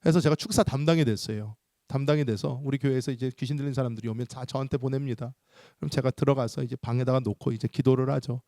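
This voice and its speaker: A man preaching a sermon as pastor, telling a story with lively acted-out dialogue. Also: medium pitch, fast, dry recording, studio quality. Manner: animated storytelling, acting out dialogue. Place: church sanctuary.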